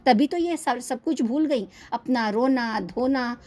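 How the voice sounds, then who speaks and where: A woman's voice: on the high side, slow pace, a little mellow. A young woman hosting a reaction video. She gives critical commentary in an indignant, scolding way and asks pointed questions. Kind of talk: critical commentary on online creators.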